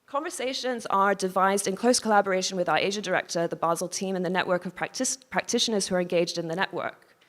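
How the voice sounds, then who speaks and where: A woman reading a prepared conference lecture in a measured, formal way, pausing now and then to correct herself. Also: medium pitch, fairly even intonation. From Hong Kong. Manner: measured, formal reading with occasional restarts and apologies. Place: conference hall. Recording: long hall reverb.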